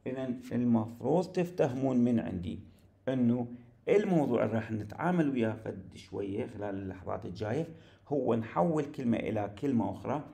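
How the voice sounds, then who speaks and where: Speaking quickly with lively intonation, this mid-range, gravelly and mellow-voiced man with an Iraqi Arabic accent teaches English grammar in a recorded online lecture. He explains patiently and checks often that students are following, while his room echoes noticeably.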